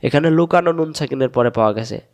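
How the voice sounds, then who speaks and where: A man teaching Quran recitation rules online, explaining patiently and chanting letter names over and over slowly. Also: fairly high pitch. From Bangladesh. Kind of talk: online lesson.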